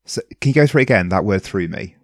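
A man's voice: sits low, expressive, quick pace, no room sound, studio quality. A man co-hosting a podcast in casual chat, fussy about giving context and easily puzzled. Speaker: podcast co-host.

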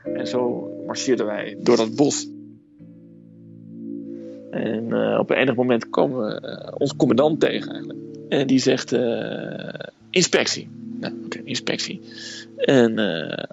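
Man, very gravelly voice, hesitant storyteller, slightly muffled sound, faint music behind. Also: mid-range voice, a little slow. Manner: hesitant storytelling, frequent "eh" fillers. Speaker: guest telling a personal story. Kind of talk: casual spoken storytelling.

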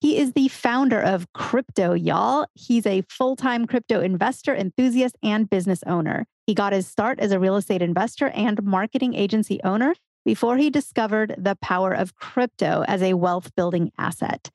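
A woman's voice: medium pitch, normal speed, darkish tone, no room sound. A woman hosting a podcast, introducing and questioning a guest in a conversational interview style.

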